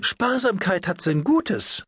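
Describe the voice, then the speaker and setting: A man's voice: mid-range voice, sing-song, moderate pace, fairly bright tone, breathy edge, dry recording, voice pushed up, exaggerated voice. A man voicing a prim, earnest older duchess in an audiobook. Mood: gracious. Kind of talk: audiobook character voice.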